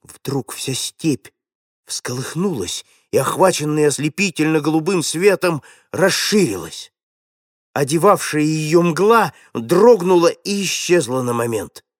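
A man narrating a classic story in a measured, dramatic way. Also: fairly high pitch, animated, dry recording, studio quality. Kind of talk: audiobook reading of a classic story.

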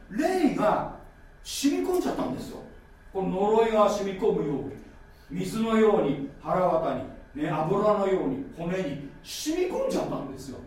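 A man's voice: high voice, darkish tone. A male pastor preaching a sermon, repeating key phrases and asking the congregation questions. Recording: very echoey church hall from far off.

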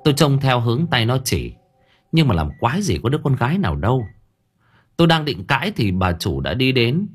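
A man reading a first-person audio story in a lively, colloquial way. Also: mid-range voice, fairly quick, faint music behind. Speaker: narrator.

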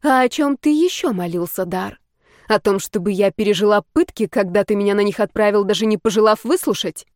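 A woman's voice: mid-range voice, a little fast, darkish tone, no room sound, studio quality, lightly acted. A woman voicing a young heroine who is furious and betrayed, speaking in a raised, heated voice. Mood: angry.

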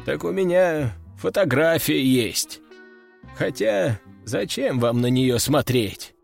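A man's voice: on the high side, animated, slow, vocal fry, faint music behind, heavily acted. A man voicing a tired, wry male demon servant reporting bad news. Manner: dry, grimacing, matter-of-fact.

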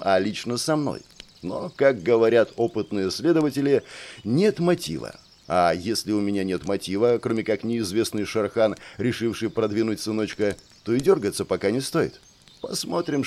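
Male audiobook narrator, low voice, dry ironic first-person telling. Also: darkish tone, slight background noise.

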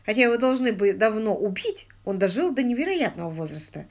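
A woman reads a comic novel aloud with dry irony. Her voice rises and falls in lively swings, with a medium pitch. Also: a little fast. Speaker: audiobook narrator. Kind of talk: scripted narration.

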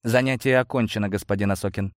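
A male audiobook narrator voicing a cold, proud professor, a little lower and quieter than his narration. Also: steady tone, fast, no room sound, clean studio sound, natural voice.

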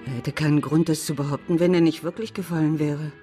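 In a German radio play, an actress portrays a witness: an older widow, loyal and plain-spoken, who answers frankly and matter-of-factly. Her low, dark-toned voice sounds natural, with fairly even intonation and fast delivery over soft background music.

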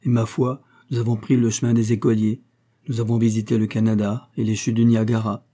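A man's voice: on the low side, flat delivery, fairly quick, warm tone, lightly acted. A man voicing a cheerful, talkative young French newlywed in an audiobook, chatty and enthusiastic.

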